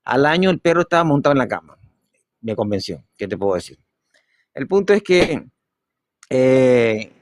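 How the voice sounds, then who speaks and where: A man's voice: mid-range voice, no room sound. Man telling a story, dry sound. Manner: animated storyteller, acting out quoted dialogue with dropped soft voice. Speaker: hypnotherapist telling a personal story. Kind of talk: casual storytelling on a live stream.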